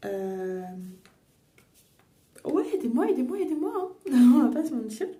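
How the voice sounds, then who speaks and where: A young woman who vlogs about beauty and books chats casually as she does her makeup, rambling along with plenty of fillers and self-corrections. Her voice is high-pitched, mellow, and very animated, and her pace is a little slow. The room is echoey, she sits a bit far from the mic, and there's faint noise.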